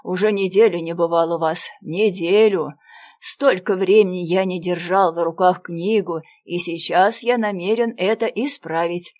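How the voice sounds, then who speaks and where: A woman voicing a proud young gentleman in a storybook reading, indignant and clipped as he scolds. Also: sits high, fairly even intonation, measured pace. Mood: eager. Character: stern proud young gentleman, quick to scorn.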